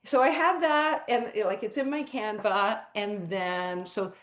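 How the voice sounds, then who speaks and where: A woman's voice: medium pitch, measured pace, roomy sound. A middle-aged woman, a podcast guest, eagerly telling a story in casual chat and acting out the people she quotes. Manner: excitable storytelling, acts out quoted voices.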